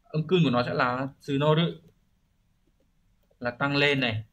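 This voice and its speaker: Bright-voiced teacher man. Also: mid-range voice, steady tone, moderate pace. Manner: explanatory, often checks with rhetorical questions. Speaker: Japanese language teacher. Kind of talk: exam-prep lesson explaining vocabulary.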